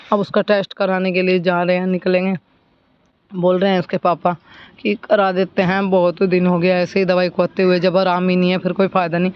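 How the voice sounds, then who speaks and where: A woman's voice: fairly low pitch, clean tone. A woman in her thirties, a village vlogger, chatting and rambling to viewers as she does chores outdoors at home. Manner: chatty, rambling, talks to viewers while working. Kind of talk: casual running commentary while doing chores. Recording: slightly dull recording.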